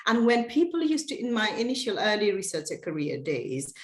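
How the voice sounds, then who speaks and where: A woman's voice: medium pitch, big pitch swings, a little fast, reverberant. A woman from Nepal in her forties, a senior lecturer giving an online seminar about her career, chatty with many fillers and restarts. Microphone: video call.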